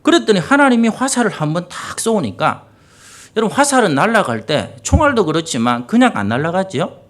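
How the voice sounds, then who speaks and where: A man's voice: high-pitched, very animated, fairly quick, a bit bright. A middle-aged man, a senior pastor preaching an early-morning sermon with vivid storytelling and rhetorical questions.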